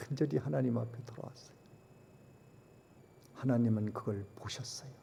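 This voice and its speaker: A man preaches a Sunday sermon in a large church sanctuary, his voice mellow and dark. He presses the congregation with rhetorical questions, and his words ring out with a long hall reverb. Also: mid-range voice, normal speed, vocal fry, a little hiss or hum. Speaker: pastor.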